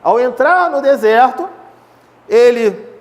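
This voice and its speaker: Brazilian guy giving a talk on the bible, really high voice, chatty, lots of rhetorical questions, big reverby hall. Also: animated, slow pace. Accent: Brazilian Portuguese. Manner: conversational, asks the audience rhetorical questions. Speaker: spiritist lecturer. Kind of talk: lecture on the Bible. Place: lecture hall of a charitable spiritist center.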